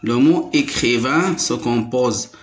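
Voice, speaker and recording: Male teacher with Moroccan French accent, very slow and deliberate, repeats words for young pupils. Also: mid-range voice, music in the background. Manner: slow, repeats each word several times. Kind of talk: primary school phonics lesson.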